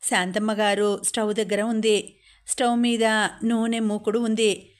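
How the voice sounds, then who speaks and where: A woman narrating a novel as an audiobook in steady, measured scripted reading. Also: mid-range voice.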